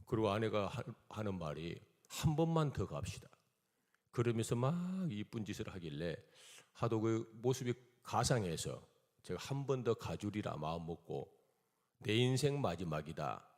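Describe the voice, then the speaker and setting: A man's voice: on the low side, lively intonation, normal speed, darkish tone. A man preaching a testimony sermon in a Gwangyang dialect, telling his story and acting out the quoted dialogue. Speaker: missionary preacher. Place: church hall. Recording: reverberant church hall.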